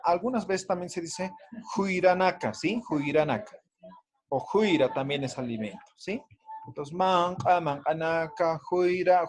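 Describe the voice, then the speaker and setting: Guy teaching an online class, slightly high voice, keeps asking "right?". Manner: explanatory, frequent tag questions. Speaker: language teacher.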